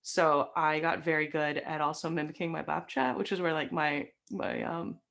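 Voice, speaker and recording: Speaking low and easygoing at a moderate pace, this young woman has a gravelly yet fairly bright voice and a faint, light Southern American lilt; she comes from the Southern United States. A stream host and comic, she's a guest in a casual interview chat, spinning long, chatty stories full of fillers and asides. Her webcam picks her up in a decorated home room hung with framed posters.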